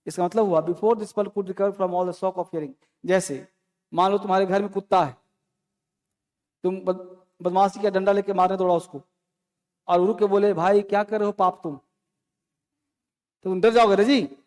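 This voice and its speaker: A man teaching an English text to a class, reading the English lines slowly and explaining them in Hindi. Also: high voice, fairly even intonation, a little mellow. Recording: long hall reverb.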